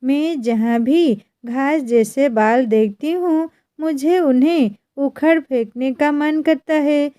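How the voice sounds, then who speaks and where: A woman's voice: high-pitched, slow pace, few pauses, warm tone, dry recording, studio quality. A woman voicing a brash, pushy young bride in a bossy, teasing manner.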